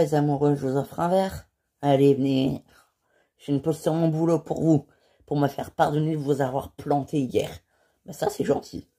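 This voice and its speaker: A woman voicing every character in a homemade toy-figure drama, switching quickly between voices and breaking into shouted cries for help. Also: low voice, slightly rough. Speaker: voice actor of a toy-figure series. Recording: background music under the voice.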